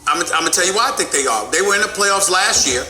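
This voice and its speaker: A man's voice: high-pitched, lively intonation, fast, pushed and bright, roomy sound, faint music behind. A man arguing as a sports commentator, emphatic and repeating himself to press his point. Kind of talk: heated sports debate.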